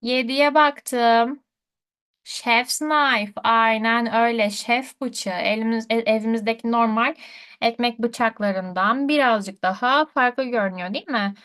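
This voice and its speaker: A woman's voice: on the high side, fairly even intonation, a little slow, a bit bright, clean tone. A woman teaching a live online English lesson, patiently checking answers with her students.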